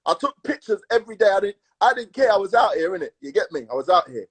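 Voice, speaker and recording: A man with a London roadman accent telling stories in casual, slangy chat, emphatic and repetitive, with a husky voice. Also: high voice, sing-song, quick pace. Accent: London urban, roadman. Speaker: podcast co-host.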